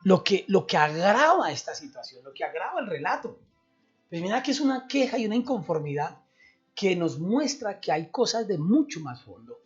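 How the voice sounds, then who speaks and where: A man's voice: sits high, moderate pace, breathy edge. A man explaining a Bible passage on a radio program, asking and answering his own questions. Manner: animated, explanatory, asks and answers himself. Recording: dull radio recording with faint music.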